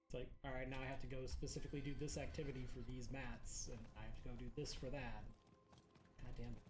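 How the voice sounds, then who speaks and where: A man's voice: medium pitch, little pitch movement, quick pace. In a roomy, echoing space with slight background noise, a man talks casually while gaming. His chat is informal and sprinkled with swearing. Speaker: gamer playing online with a friend. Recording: echoey room with faint background noise.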